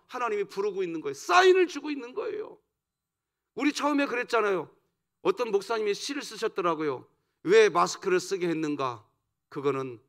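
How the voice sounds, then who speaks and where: A pastor preaching a dawn service sermon, asking the congregation questions and swinging between loud emphasis and soft, low asides. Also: male voice. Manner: rhetorical questions put to the congregation. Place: church sanctuary.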